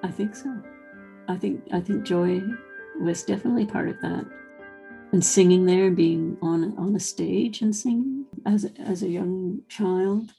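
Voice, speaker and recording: A woman's voice: lowish voice, a little slow, creaky, warm tone, faint music behind. A woman who runs a historic house, interviewed, speaking hesitantly with many restarts. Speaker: executive director of a historic house. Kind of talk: interview recollection.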